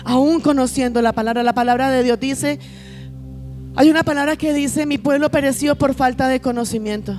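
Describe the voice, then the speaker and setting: A woman's voice: high voice, moderate pace, a little mellow, faint music behind. A woman pastor preaching a sermon, emphatic, repeating phrases and calling her listeners children.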